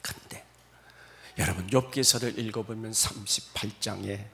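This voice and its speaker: A man preaching a Sunday sermon at a church service, dramatic, swinging between loud exclamations and hushed asides. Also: fairly low pitch, normal speed, creaky, slight background noise. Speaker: pastor.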